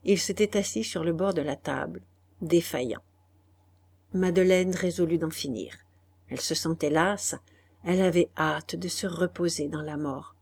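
A woman narrating a literary audiobook in a measured, calm storytelling voice. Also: on the low side, creaky.

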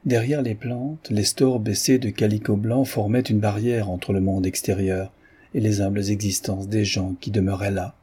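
A man reading a classic novel aloud as audiobook narration, in a measured, descriptive manner. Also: on the low side, flat delivery, warm tone, breathy edge. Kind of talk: scripted narration.

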